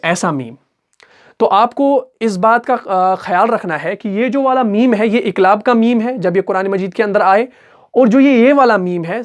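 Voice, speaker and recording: A man with an Urdu-speaking accent teaching Quran recitation rules step by step, asking questions and answering them himself, and chanting example words slowly with drawn-out syllables. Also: high voice. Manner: patient, repeats each example slowly. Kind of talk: step-by-step tajweed lesson.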